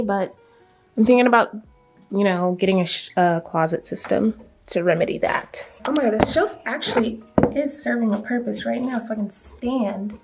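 Slow-talking young woman touring her empty house. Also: medium pitch. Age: 20s. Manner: chatty, upbeat, talking to viewers. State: out of breath. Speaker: vlogger. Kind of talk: casual home tour vlog.

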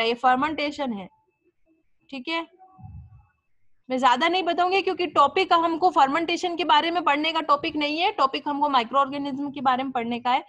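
A woman's voice: high-pitched, fairly bright tone, dry recording. A young woman teaching a biology class, explaining step by step and answering her own questions. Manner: mixes English terms into Hindi. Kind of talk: classroom lecture.

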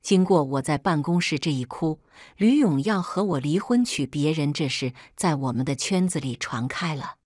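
A woman telling a first-person story as scripted narration, reading in a steady, measured way. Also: low-pitched, no echo, clean studio sound.

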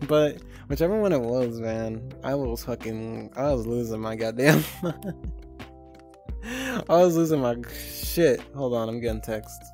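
With soft music in the background and a VR avatar showing, a young woman streams from home, chatting in a loose, giggly, foul-mouthed ramble. Her pitch sits extremely low, her intonation is lively, and she talks a bit slowly.

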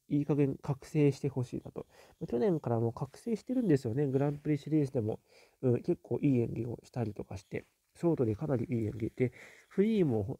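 A man hosting a casual live stream, reading viewer comments aloud and musing on them with soft little fillers. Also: on the high side, no room sound.

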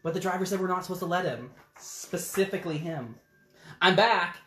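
A man's voice: high voice, quick pace, echoey room, faint music behind. A man hosting a children's storytime as a drag queen, chatting casually and playfully with viewers. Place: living room at home, indoors.

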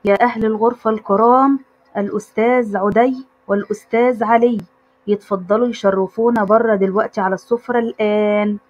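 A woman's voice: on the high side, fairly even intonation, brisk, dull audio, lightly acted. A woman voicing a bossy, cheerful young heroine who teases her brothers in an Egyptian accent. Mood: bossy teasing. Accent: Egyptian Arabic. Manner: teasing, bossy.

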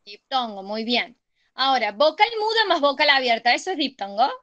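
A woman's voice: sits high, very animated, moderate pace, bright, forceful tone, dull audio. A woman teaching a grammar class, often checking that students follow. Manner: checks understanding with frequent ¿sí? and ¿estamos?. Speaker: tutor.

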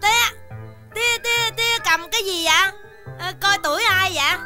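A woman's voice: very high-pitched, brisk. An actress playing a complaining unmarried daughter in her thirties in a comedy sketch. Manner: complaining, pleading. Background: background music.

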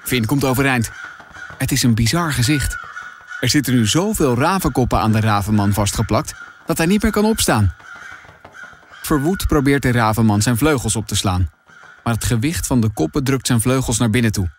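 A man reading a children's adventure audiobook in dramatic, expressive scripted narration. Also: mid-range voice, moderate pace.

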